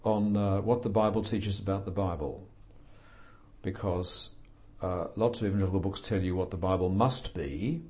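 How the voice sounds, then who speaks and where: Deep, mellow older man musing dryly. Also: normal speed. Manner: thoughtful, dry humor, many fillers. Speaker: author being interviewed. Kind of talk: reflective interview talk.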